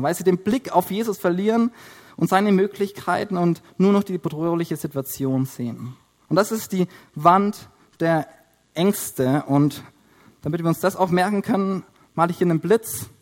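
A man with a notably high-pitched voice preaching in a teaching style. He explains one point after another, often stopping with hesitation sounds while he writes and draws. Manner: explanatory, with frequent hesitation fillers. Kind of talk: Bible teaching while drawing on a board.

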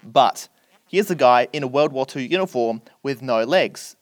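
A man's voice: mid-range voice, moderate pace, no echo. A man, chatting on a podcast and retelling a film plot, acting out the characters' lines. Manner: animated storyteller, acts out characters' lines.

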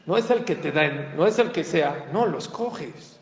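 A man's voice: on the high side, animated, a little slow, lo-fi sound, slight background noise. A man giving a sermon as a rabbi, asking rhetorical questions and rising to emphatic outbursts. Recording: echoey hall, faint ambience.

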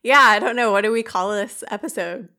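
A woman co-hosting a podcast, chatting casually and halting now and then to correct herself. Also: medium pitch, pushed and bright. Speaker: podcast co-host. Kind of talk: casual chat.

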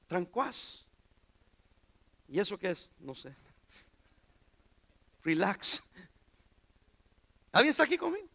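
A man's voice: high-pitched, gravelly, pushed and bright. A pastor preaching an informal sermon in a church, joking and putting questions to his congregation.

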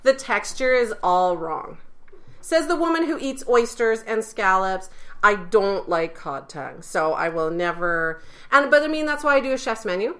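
Bright-voiced chatty woman. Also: medium pitch, moderate pace. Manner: chatty and excitable, laughs often. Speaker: podcast co-host. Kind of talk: casual chat about food and drinks.

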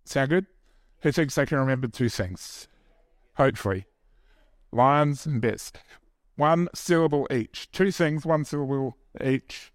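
Long pauses mark this medium-pitched New Zealander's measured delivery, captured in a dry recording. He leads an informal church sermon, full of self-mocking humor and conversational asides to the congregation.

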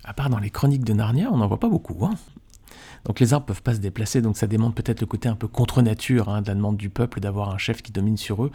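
A man's voice: fairly low pitch, quick pace, mellow, breathy edge. A man hosting a podcast, teaching a Bible study in a chatty way, asking his listeners questions and often adding little tags.

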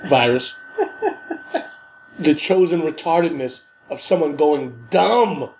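A man's voice: fairly high pitch, expressive, slow pace, a little mellow, a little hiss or hum, rough recording. A man with a stuffy nose from a cold, co-hosting a podcast in casual, slangy chat with emphatic repeated phrases. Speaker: podcast co-host.

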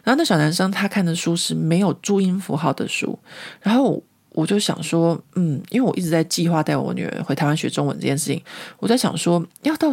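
A woman from Taiwan with a Taiwanese Mandarin accent, telling a casual story as a podcast host in a chatty, lively way that often breaks into laughter. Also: on the low side, creaky.

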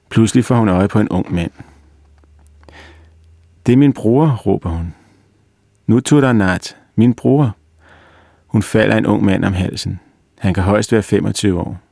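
A man narrates a story aloud at a steady, measured pace. His voice sits low and has a gravelly edge. The recording is close and dry. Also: dry recording. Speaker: reader.

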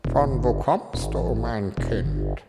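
A man voicing a pompous male mandarin official in a storybook, speaking theatrically with a swooping pitch. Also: sing-song, slow, creaky, long reverb tail, music in the background, exaggerated voice. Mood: reverent.

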